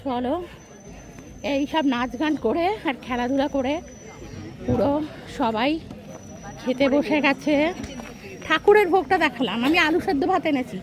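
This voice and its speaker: A woman from West Bengal chats straight to her viewers in a casual home vlog. Her voice sits high, and she sounds middle-aged. Her talk is loose and friendly, full of asides to the people watching. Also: measured pace, long pauses, crowd noise. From West Bengal, India. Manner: chatty, addresses viewers directly. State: out of breath. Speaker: vlogger.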